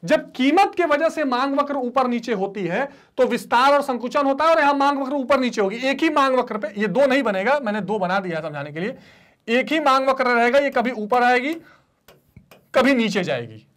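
This is a man with a very high, slightly bright voice, speaking animatedly at a normal speed. He's an economics teacher giving a lecture online, using call-and-response and asking students to repeat terms. He sprinkles in English terms and voices his students' replies before answering them himself.

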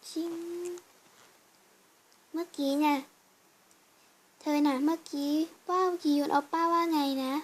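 A woman performing a fan voice drama, switching quickly between characters. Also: sits high, steady tone, a little hiss or hum. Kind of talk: fan voice drama with many roles.

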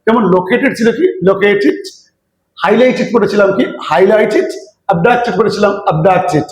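A man with a high, light voice teaches a pronunciation lesson in a roomy, echoing space. He works through word lists deliberately, repeating each item and asking his students questions as he goes. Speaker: English teacher. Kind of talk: spoken language lesson. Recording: roomy echo.

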